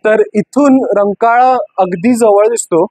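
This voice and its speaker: High husky man touring a flat. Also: measured pace, no room sound, rough recording. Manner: guiding, pointing things out room by room. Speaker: real estate agent giving a property tour. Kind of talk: property walkthrough narration.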